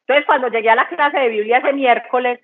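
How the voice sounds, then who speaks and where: A woman's voice: high-pitched, steady tone, fairly quick. A woman giving an earnest, conversational church testimony, repeating phrases for emphasis. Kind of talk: testimony talk. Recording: tinny phone-line sound.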